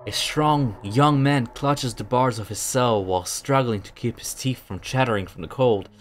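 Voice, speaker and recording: A man narrating a tabletop role-playing game as game master, setting scenes in a halting, descriptive way. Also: medium pitch, slight background noise.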